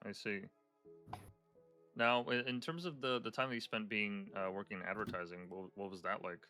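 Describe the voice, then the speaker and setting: A man's voice: on the low side, moderate pace, pushed and bright, clean tone, faint music behind. A man hosting a casual podcast interview, asking curious, laid-back questions. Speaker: podcast host.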